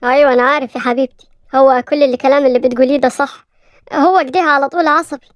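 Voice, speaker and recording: A woman's voice: sits high, steady tone, rapid-fire, no room sound, studio quality, close to an everyday voice. A woman voicing a kind wealthy father with an Egyptian accent, soothing and affectionate. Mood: gentle. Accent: Egyptian Arabic.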